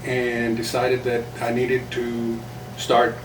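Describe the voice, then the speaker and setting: An older South Texas man, a journalist and playwright whose first language was Spanish, tells stories unhurriedly in a relaxed interview. His medium-pitched voice is monotone and reflective, broken by small chuckles. The roomy, distant mic picks up faint hiss.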